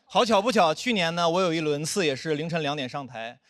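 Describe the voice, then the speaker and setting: A man's voice: on the high side, fast talker. A young man performing a self-mocking stand-up comedy set on stage before a live audience. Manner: animated, self-mocking punchlines.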